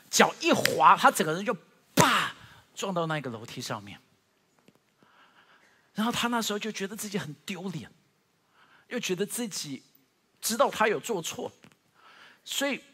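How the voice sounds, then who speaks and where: A man preaching a sermon as pastor, telling stories with strong emotion, moving from loud to hushed, with frequent stammered restarts. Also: high-pitched, slightly rough, big-room sound.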